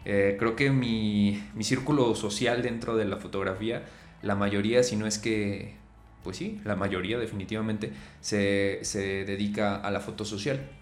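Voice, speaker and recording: A man's voice: fairly low pitch, fairly even intonation, moderate pace. A man hosting a casual solo podcast, talking loosely with many fillers and repeated words. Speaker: podcast host. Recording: echoey room, faint music.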